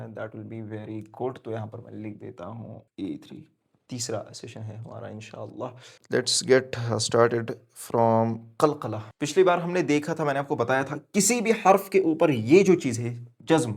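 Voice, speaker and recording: A man teaching recitation rules in a classroom-style lesson, quizzing himself and answering, spelling out letters slowly and raising his voice to stress a rule. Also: mid-range voice, vocal fry. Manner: asks questions and answers them himself, drills letters slowly; switches between quiet explaining and loud emphatic stress. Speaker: tajweed teacher.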